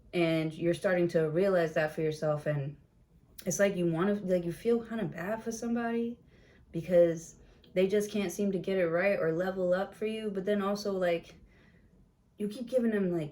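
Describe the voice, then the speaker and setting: A woman's voice: lowish voice, dark tone. A woman giving a casual tarot reading, blunt and chatty with plenty of swearing, in a room with a window open. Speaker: tarot reader.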